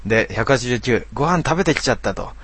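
Husky guy streaming a game, reading chat, muttering jokes. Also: medium pitch, expressive, fast, a bit bright. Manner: muttering, jokey asides.

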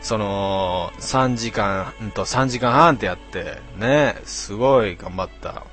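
A slightly tipsy man in his twenties rambles through viewer comments on his live stream, teasing himself in rough, slangy talk. His voice sits low. Soft music plays faintly behind him. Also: slow pace. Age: 20s. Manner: rambling, rough slangy self-mocking banter.

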